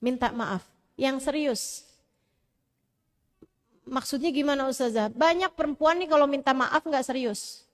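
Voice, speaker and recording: A woman preacher giving a sermon, talking to her audience in a lively, conversational way. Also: sits high, a little slow, pauses often, in a large hall. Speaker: Islamic preacher.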